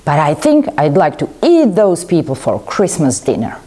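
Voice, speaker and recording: A woman's voice: low-pitched, wildly swooping pitch, normal speed, mellow, slightly rough, exaggerated voice. A woman voicing a grumpy, miserly old man in a storybook reading, snapping out scornful retorts. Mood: angry.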